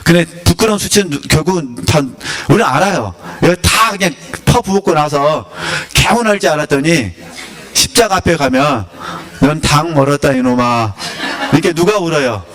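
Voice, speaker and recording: A man teaching in a relaxed sermon style, talking to his listeners like a conversation. He keeps throwing questions at them and lets out small chuckles as he goes. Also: on the high side, brisk. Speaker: teacher of a spiritual academy.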